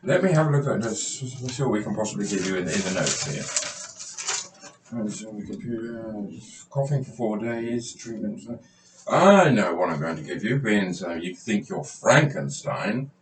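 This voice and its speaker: A man hamming it up as a doctor in a home-made sketch, chatty and given to repeating himself. His pitch is mid but very lively, and the recording is roomy and distant with faint noise behind. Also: normal speed. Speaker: comic playing a doctor.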